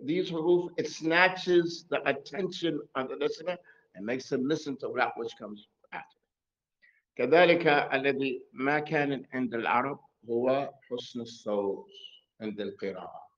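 A man's voice: mid-range voice, takes it slowly. A man teaching a bilingual mosque lesson on Quran recitation, quizzing his class as he goes. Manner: asks the class questions, switches between Arabic and English. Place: mosque hall. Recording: echoey muffled mosque recording.

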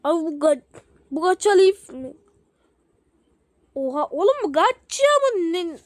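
A woman casually reacting to short videos, rambling and excitable, swearing often. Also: extremely high pitch, unhurried, no room sound.

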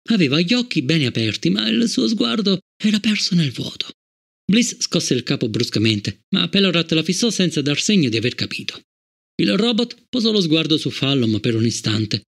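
A man narrating an audiobook in a measured, even storytelling manner. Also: a little high, vocal fry, slightly rough. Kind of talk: scripted narration.

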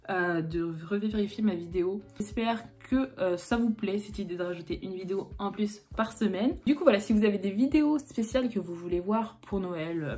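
A woman's voice: medium pitch, a little mellow. A young woman from France chatting casually through a makeup tutorial as a beauty vlogger, full of fillers and restarts. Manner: chatty, filler-heavy, self-correcting. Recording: faint background music.

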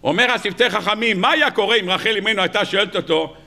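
High, bright-voiced rabbi preaching. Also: male voice, vocal fry. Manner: rhetorical questions, mock incredulity, humorous asides. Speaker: rabbi giving weekly Torah sermon. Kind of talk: lively sermon to an audience. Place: lecture hall with live audience.

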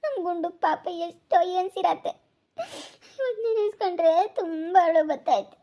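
A woman's voice: extremely high pitch, steady tone, fairly quick. A woman playing a grieving, motherless young woman who tearfully accuses her aunt in a rural family drama, in a muffled lo-fi recording. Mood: accusing, tearful. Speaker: village family drama actress.

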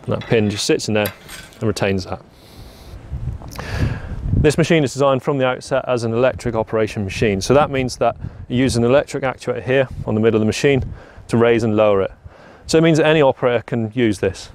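A man's voice: medium pitch, fast talker, darkish tone, slight background noise. A young man giving a plain, practical walkaround of a farm machine outdoors on a lawn, often repeating "very, very". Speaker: product presenter. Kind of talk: product walkaround demo.

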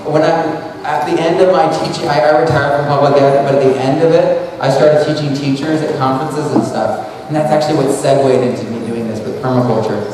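In his thirties, this man rambles through a conference talk on a handheld mic, restarting sentences and dropping "like" constantly; his voice sits a little high, with fairly even intonation and a slightly fast pace. Captured from far off in a big expo hall, each phrase trails a long reverb over faint background noise.

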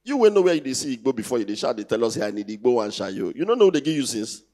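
Speaking very fast, this man has a mellow, medium-pitched voice with big pitch swings. He's in his thirties, Nigerian-accented, and doing chatty, teasing stand-up on a large theatre stage, tossing rhetorical questions to the crowd through a handheld mic.

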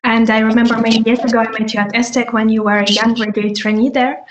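A woman's voice: a little high, flat delivery, fast, crowd noise. A woman moderating an online event, thanking one speaker and politely introducing the next. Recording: echoey room, faint noise.

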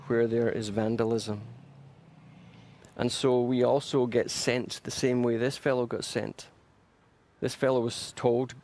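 A man's voice: medium pitch, darkish tone. A male pastor preaching a sermon, earnest and emphatic, building momentum through repeated phrases. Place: church.

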